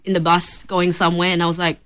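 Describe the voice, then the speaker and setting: A woman's voice: fairly low pitch, monotone, fast, a bit bright, smooth. A young woman from Tanzania, a musician guest in a studio, chatting casually with plenty of ums and laughs. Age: young adult. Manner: chatty, giggly, lots of ums and likes. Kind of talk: casual chat. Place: radio studio.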